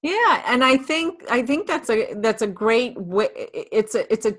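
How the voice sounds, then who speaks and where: A woman's voice: on the high side, very animated, measured pace, a bit bright. A woman interviewing a fighter, often repeating words and restarting sentences as she forms her questions. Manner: hesitant, repeats words while forming questions. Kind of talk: casual interview chat.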